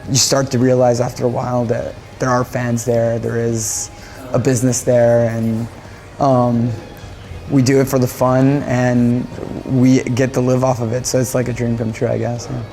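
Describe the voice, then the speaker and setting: A man's voice: medium pitch, mellow, slight background noise. A man from Japan, a band musician, talking casually in an interview in a rambling way, often repeating phrases and restarting.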